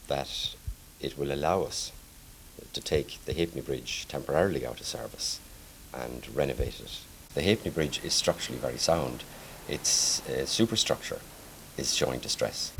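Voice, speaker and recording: Extremely deep-voiced man. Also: moderate pace, a bit bright, rough recording. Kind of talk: interview explanation. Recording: faint background noise.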